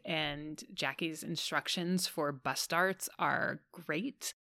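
Low-voiced woman, reassuring podcast co-host. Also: creaky, a bit bright, dry recording, studio quality. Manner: reassuring, conversational, frequent "like". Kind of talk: casual chat answering listener letters.

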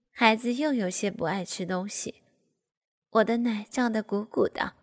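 A woman telling a first-person story aloud, steady and even. Her voice sits a little high. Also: long reverb tail. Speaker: narrator.

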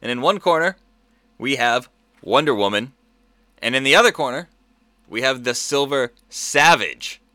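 A man's voice: mid-range voice, animated, moderate pace, long pauses, bright, forceful tone, no echo, clean studio sound. A man hosting a podcast, reading scripted entertainment headlines with casual asides. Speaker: podcast host.

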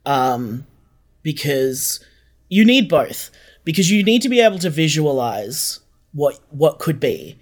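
Slowly and with big swings in pitch, a slightly high-voiced man reflects in an interview. He's a podcast guest who co-created an audio drama, and he explains things earnestly, repeating phrases for emphasis.

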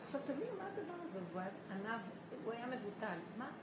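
A woman's voice: on the high side, sing-song. A woman giving a spiritual talk, telling stories of a rabbi and emphatically appealing to her listeners, recorded in an echoey room with noise behind her.

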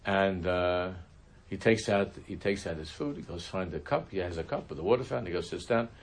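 A man teaching a religious class, telling a story in a halting way, often restarting his sentences. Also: low-pitched. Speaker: Torah teacher.

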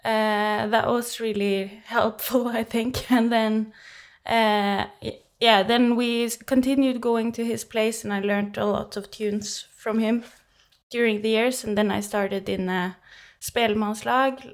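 A young woman with a Norwegian accent who speaks Norwegian natively, chatting as a guest in an interview, cheerful, laughing often, pausing with many fillers. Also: fairly high pitch, fairly even intonation. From Norway. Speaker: guest musician. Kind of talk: casual interview talk.

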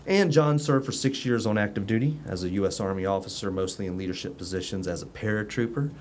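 A man's voice: on the low side, fast talker, darkish tone, slight background noise. A man hosting a casual chat show, joking and rambling with fillers. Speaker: host.

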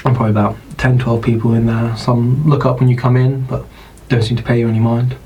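A man with a British accent, narrating as dungeon master in an unhurried, descriptive way. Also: medium pitch, level tone, dark tone, poor audio. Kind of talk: narrating a tabletop game.

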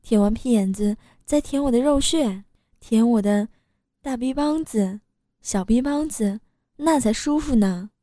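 A woman's voice: fairly high pitch, a little slow, mellow, dry recording, clean studio sound. A woman reading a first-person story aloud, in an earthy, matter-of-fact way. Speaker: story reader. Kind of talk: scripted first-person narration.

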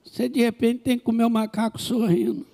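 A man with a Brazilian Portuguese accent, a pastor telling a story in a sermon with animated comic asides. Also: extremely high pitch, fairly quick.

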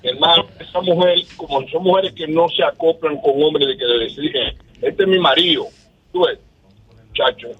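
Man in his sixties, dominican accent, husky voice, tinny phone line, rambling earnest caller. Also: a little high, normal speed. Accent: Dominican Spanish. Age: 60s. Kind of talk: phone-in story.

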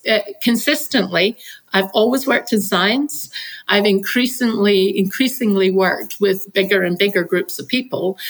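A woman's voice: mid-range voice, a bit bright, rough recording. Scottish woman science officer reflecting on career. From Scotland. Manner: reflective, with frequent fillers and restarts. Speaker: chief science officer, interview guest. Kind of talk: podcast interview.

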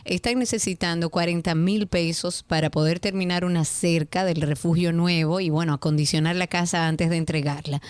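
A woman co-hosting a live radio show, lively and chatty. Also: lowish voice, normal speed, hardly any pauses, clear, resonant tone, no echo. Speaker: radio co-host.

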